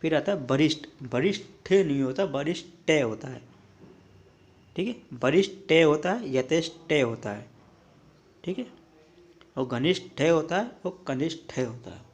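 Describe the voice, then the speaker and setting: A young Hindi teacher runs an exam-prep spelling lesson, contrasting each wrong form with the correct one and pausing mid-word. He drills repetitively and often checks in with "ठीक है" (okay), in a fairly high-pitched, animated voice.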